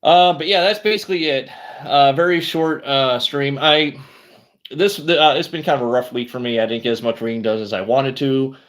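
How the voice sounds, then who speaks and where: A man's voice: medium pitch, moderate pace, a bit bright. Rambling man on a casual book stream. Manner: rambling, conversational, many fillers and restarts. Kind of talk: casual livestream chat.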